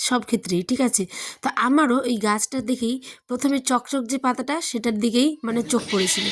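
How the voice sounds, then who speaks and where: A young woman from rural West Bengal speaking with a Bengali accent as a lifestyle vlogger, chatting to her viewers with frequent tag questions, partly filmed out in the village fields. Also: a little high. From West Bengal, India. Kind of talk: chatty vlog narration.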